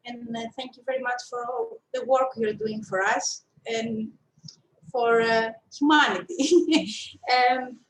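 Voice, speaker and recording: Heard on poor-quality audio, a shiatsu teacher and practitioner from Greece, a woman in her fifties, recounts her life in an interview. Her slightly high voice keeps a measured pace, and she comes across as reflective and a little hesitant.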